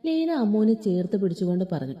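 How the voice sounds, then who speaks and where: Woman narrating a story, mellow lively voice. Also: medium pitch, fast talker, dull audio. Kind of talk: scripted narration of a serialized novel.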